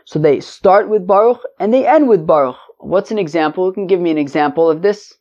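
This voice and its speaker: A man's voice: high-pitched, animated, brisk, a little mellow. Dull lo-fi recording, man teaching. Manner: conversational, repeats and rephrases, asks rhetorical questions. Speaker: Talmud teacher. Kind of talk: informal Talmud lesson, reading and translating.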